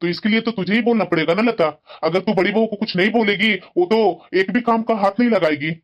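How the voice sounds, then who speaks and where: A woman voicing a mild-mannered older father-in-law in a cartoon, giving calm advice. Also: mid-range voice, fast talker, natural voice. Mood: advising. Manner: mild, advising. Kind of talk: cartoon voice acting. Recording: dull lo-fi sound.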